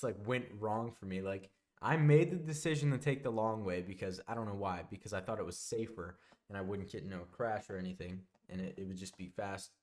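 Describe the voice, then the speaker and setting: A young man telling a casual storytime monologue, rambling and backtracking, often dropping into quieter asides. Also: fairly low pitch. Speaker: vlogger.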